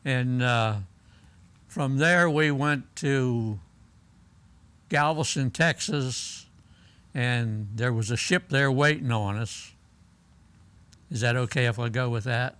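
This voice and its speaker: An elderly American man, a war veteran, remembering his service in halting, plain-spoken stories as he is interviewed. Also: medium pitch, a bit bright, clear, resonant tone. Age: elderly, 80s or older. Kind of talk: unscripted oral-history reminiscence.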